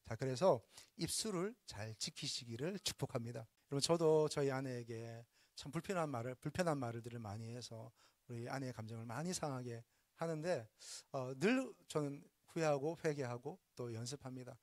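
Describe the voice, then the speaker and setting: A male pastor preaching a sermon, emphatic, with sudden swings between loud, urgent lines and soft, hushed ones. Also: medium pitch, normal speed, few pauses, dry recording.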